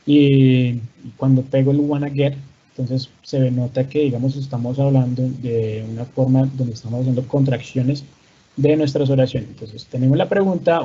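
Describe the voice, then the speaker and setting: Male teacher, fairly high, husky voice; explains step by step with fillers; dull lo-fi recording. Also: mellow. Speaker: English teacher. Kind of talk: bilingual online class.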